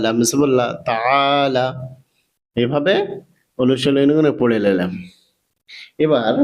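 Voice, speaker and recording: A man with a Bengali accent teaching Quran reading, spelling letters out one by one in a measured recitation drill. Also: mid-range voice. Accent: Bangladeshi Bengali. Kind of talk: slow spelling-out recitation lesson.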